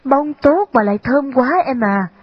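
Woman voicing a gentle kind older sister. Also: sits high, a little slow, husky, pitched above the performer's own voice. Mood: cheerful. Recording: slightly dull lo-fi recording.

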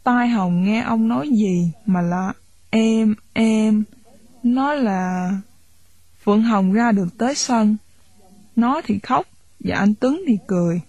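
Woman reading a novel out loud, husky breathy voice, dry close sound. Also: medium pitch, a little slow, dry recording. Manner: steady storytelling, shifting into character voices. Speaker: audiobook narrator.

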